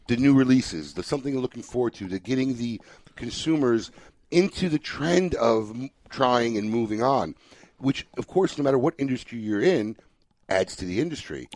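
A man's voice: medium pitch, moderate pace, no room sound. A man hosting a podcast, chatting casually and ranting with lots of restarts. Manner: animated, ranting, frequent restarts. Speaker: podcast host. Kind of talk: casual opinionated chat.

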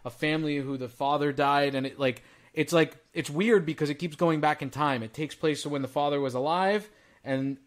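Man around forty, co-host, somewhat high voice, rambles, lots of fillers, casual chat. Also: moderate pace. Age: about 40. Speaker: podcast co-host.

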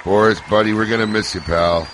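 A man's voice: on the low side, fairly even intonation, fairly quick, a bit bright, a faint crowd, slight background noise, poor audio. A man hosting a show with casual, teasing banter. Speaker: show host.

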